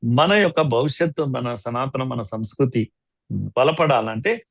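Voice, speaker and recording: A man with a Telugu accent speaks as a guest commentator, lecturing with steady emphasis. His voice is gravelly with some fry in it. The sound is dry and close, with no room echo. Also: medium pitch, a little slow. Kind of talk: studio interview.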